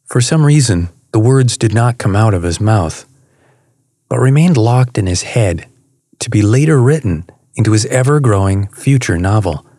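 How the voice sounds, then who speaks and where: A male narrator reading a novel aloud in a steady, unhurried way. His voice sits low and even. The recording is dry and close, with no room sound. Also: no room sound. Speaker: audiobook narrator. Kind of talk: scripted narration.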